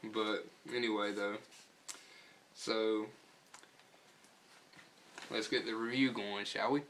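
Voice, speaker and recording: An American man talks with his lip full of dip, chatting casually and profanely in a rambling, laid-back review and storytelling vlog, clearing his throat now and then. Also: fairly low pitch, steady tone, takes it slowly, a bit bright, slight background noise.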